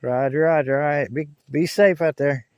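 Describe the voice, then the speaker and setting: The walkie-talkie reviewer talks at a moderate pace in a somewhat high, darkish voice, out on a hill. His folksy, colloquial chatter goes to camera and over a two-way radio; the audio is dull without echo.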